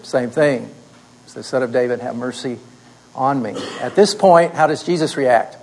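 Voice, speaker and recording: A man's voice: mid-range voice, normal speed, gravelly, darkish tone, a little hiss or hum, rough recording. A man teaching a class. He walks the students through a story by putting questions to them and often answering them himself, in a plain mid-range voice. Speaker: instructor.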